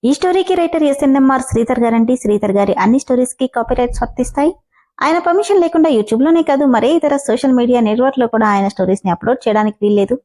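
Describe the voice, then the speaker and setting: A woman storyteller with a fairly high, mellow voice, reading a serialized story aloud. She speaks to her listeners directly and in a friendly way. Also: fast talker. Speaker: storyteller and channel host.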